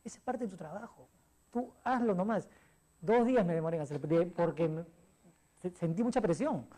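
Peruvian columnist, middle-aged man, rambling anecdotes with fillers, soft warm tone. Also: high voice, lively intonation, fairly quick. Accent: Peruvian Spanish. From Peru. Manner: rambling storyteller, many fillers and restarts. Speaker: guest, sports columnist. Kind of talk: casual interview chat.

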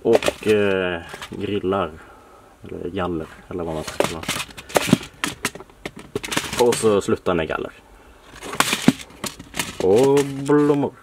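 A Swedish hobbyist with a low, unhurried voice gives a casual tour of his collection in a dimly lit home workshop. He relaxes into listing parts, using plenty of fillers, and the home recording is noisy.

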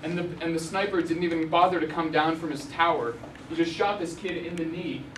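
This young journalist from Arizona, USA has a fairly high, slightly bright voice and talks fairly quickly. He gives a casual slide lecture in an indoor university lecture hall, with many ums and restarts. The room mic is far off, so the audio is echoey and noisy.

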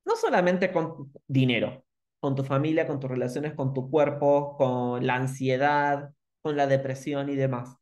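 A man with a Rioplatense Spanish accent teaching an online masterclass, animated and repeating questions with emphasis. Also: medium pitch, unhurried.

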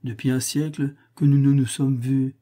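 A man's voice: mid-range voice, flat delivery, normal speed, mellow, close to an everyday voice. A man putting on an indignant old Death. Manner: indignant, scolding tone. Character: stern old female Death, impatient and furious.

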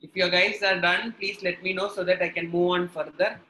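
A man's voice: sits high, little pitch movement, a little fast, sharp tone, low-quality recording. A man with a South Indian accent teaching biology in a live online lesson, explaining step by step and repeating his points. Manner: instructional, repeats and rephrases points.

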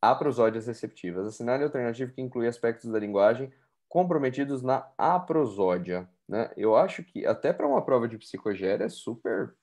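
A man reads out exam questions at a measured pace. He then adds his own comments in a mid-pitched, plain voice. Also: expressive, darkish tone. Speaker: exam prep instructor. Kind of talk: reading and discussing exam questions.

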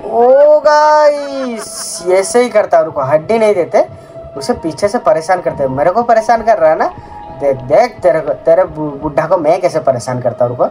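Gaming host, man, jumpy and talkative, slightly high voice, game music behind. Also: moderate pace. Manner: excitable, yelps and repeats words when startled; keeps addressing the viewers. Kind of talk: casual gameplay commentary. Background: horror game music.

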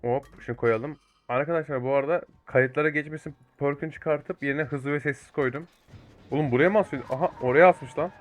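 Excitable young man commenting on gameplay. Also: a little high, fairly quick, lo-fi sound. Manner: excitable, swears, talks to teammates and viewers. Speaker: gaming YouTuber.

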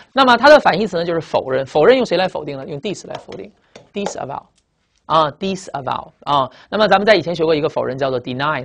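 Quick-talking male vocabulary teacher. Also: fairly high pitch. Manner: lively, drawn-out spelling and repetition, frequent "啊" tags. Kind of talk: classroom lecture. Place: classroom with blackboard.

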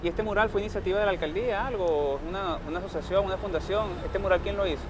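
Fast-talking male interviewer outdoors. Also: sits high. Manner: brisk, friendly questioning. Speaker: interviewer, host. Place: city street outdoors. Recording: street noise behind.

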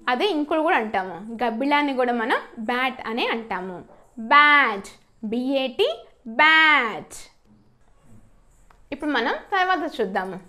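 A woman teaching English spellings step by step, spelling out letters and then saying each word loudly and drawn out, asking questions and answering them herself. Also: high voice, lively intonation, a little fast. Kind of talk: slow step-by-step spelling lesson.

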